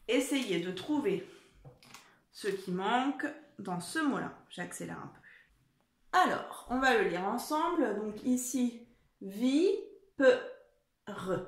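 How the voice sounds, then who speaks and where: A woman's voice: on the high side, expressive, slow pace, pauses often, roomy sound. A woman teaching a spelling lesson to young children, patient and encouraging, often checking in with the class. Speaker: primary school teacher. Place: room at home.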